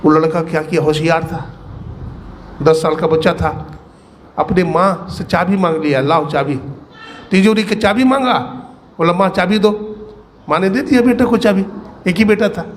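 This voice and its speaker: A middle-aged spiritual teacher, telling a parable in a folksy sermon and slipping into the voices of the people in it. His voice sits a touch high for a man. A faint hum of the gathering runs underneath. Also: normal speed, pauses often. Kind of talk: storytelling sermon. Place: satsang gathering hall.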